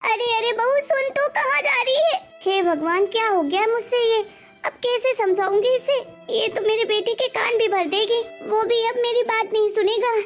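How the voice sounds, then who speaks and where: An anxious elderly mother-in-law wails and pleads , voiced by a woman in an animated family story. Her voice sits very high. Faint music plays underneath. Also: moderate pace. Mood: distressed. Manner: wailing, calls on God.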